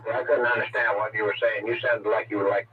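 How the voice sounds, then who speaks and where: A man talks over a mistuned sideband CB radio, his voice squeezed into a thin, phone-like band and buried under heavy static. He sounds distant from the mic, and he rambles along in a halting way with plenty of fillers. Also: fairly low pitch, little pitch movement. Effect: mistuned sideband CB radio transmission. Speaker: CB radio operator. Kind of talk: casual radio chat. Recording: tinny, distant, noisy radio signal.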